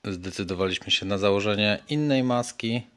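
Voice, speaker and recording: A middle-aged man casually explaining his car repair work in a home garage, matter-of-fact and relaxed. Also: on the low side, moderate pace, smooth. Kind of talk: casual workshop vlog narration.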